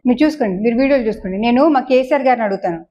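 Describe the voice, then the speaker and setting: Young woman, eager comic pleader, quick and high, music behind. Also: mellow, muffled recording. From Srikakulam, Andhra Pradesh. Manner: pleading, eager, repeats herself. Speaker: film heroine promoting her movie. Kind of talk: comic promo skit.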